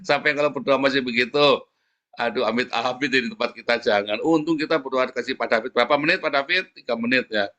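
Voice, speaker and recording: A man preaching a lively sermon, often calling out to the congregation, his voice leaping up in pitch for emphasis. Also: moderate pace. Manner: often addresses the congregation as "saudara". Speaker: pastor.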